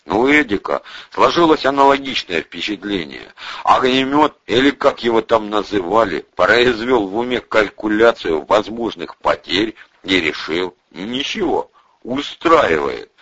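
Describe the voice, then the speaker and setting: A man reading an audiobook in a steady, expressive storytelling voice. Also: fairly low pitch, moderate pace, husky, dry recording. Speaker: audiobook narrator. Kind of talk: scripted audiobook narration. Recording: dull lo-fi audiobook recording.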